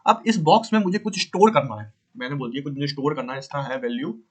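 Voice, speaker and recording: A man teaching a beginner coding lesson in a casual way, repeating points and asking and answering his own questions, often pausing to fix his drawing. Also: medium pitch, slightly rough. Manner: frequent pauses to fix the drawing.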